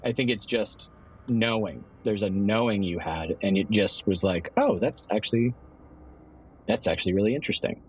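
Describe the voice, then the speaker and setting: On a dull, somewhat lo-fi microphone, a guest tabletop game player makes up a story in easy, explanatory talk that keeps restating itself. His voice is on the low side and husky, with lively intonation and a moderate pace.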